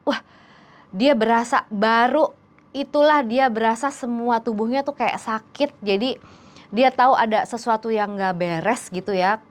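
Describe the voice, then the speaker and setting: A woman's voice: on the high side, a little slow. A woman narrating a dramatic story in a casual, chatty way, talking directly to her listeners. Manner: chatty, addresses listeners directly, many fillers.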